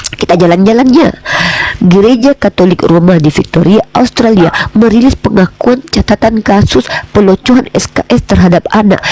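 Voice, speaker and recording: High-voiced man, scornful debater who lectures and taunts. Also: warm tone, rough recording. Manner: mocking, scolding, repeatedly calling the other "Dek". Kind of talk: heated interfaith debate.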